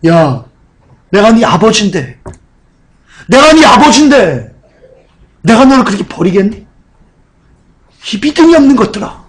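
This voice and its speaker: Sermon: male preacher as a fatherly Lord, high-voiced, reproachful but tender. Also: very animated, moderate pace, pauses often. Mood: fatherly rebuke. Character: fatherly Lord gently rebuking faithless children.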